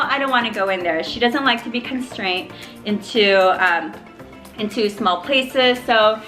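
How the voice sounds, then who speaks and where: A young mom vlogger with a fairly bright, higher-pitched voice gives an upbeat, chatty update on her baby from the living room at home. She talks to viewers as "you guys" and sometimes mimics baby sounds in this casual vlog.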